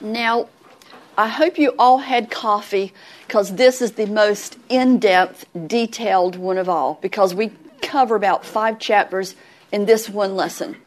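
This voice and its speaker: A woman's voice: mid-range voice, measured pace. A middle-aged woman with a Southern US accent, teaching a healing ministry lesson in a folksy, earnest, conversational way. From Southern United States.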